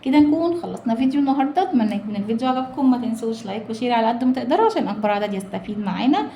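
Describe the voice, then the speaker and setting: A woman's voice: a little high, lively intonation, creaky, dark tone, a little hiss or hum. Egyptian woman teaching children English. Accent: Egyptian Arabic. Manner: drills words slowly in a singsong, then explains quickly.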